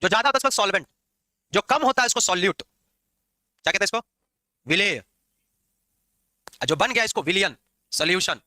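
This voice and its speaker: A man teaching chemistry in a classroom lecture, lively and teasing his students as he explains. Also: high voice, a little fast, long pauses, dry recording. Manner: lively, scolding and joking with students.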